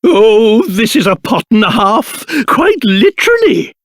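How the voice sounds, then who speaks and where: A man's voice: high voice, big pitch swings, measured pace, no room sound, clean studio sound, full character voice. An actor playing a fussy, self-important, fatherly old king in a video game, with a British accent and pompous, old-fashioned formal speech. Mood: boastful. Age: older. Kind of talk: video game character voice acting.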